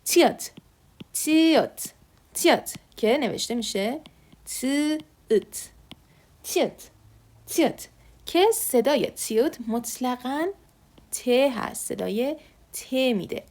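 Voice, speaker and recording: A woman teaching Korean letters, patiently repeating each sound slowly. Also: high-pitched, lively intonation, a little mellow. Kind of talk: online alphabet lesson.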